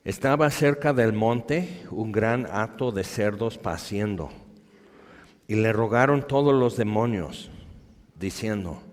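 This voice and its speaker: A man's voice: fairly low pitch, slow. A man with a Mexican accent preaching a sermon at a convention, animatedly acting out the scenes of the story he tells. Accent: Mexican Spanish. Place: large hall. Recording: long hall reverb.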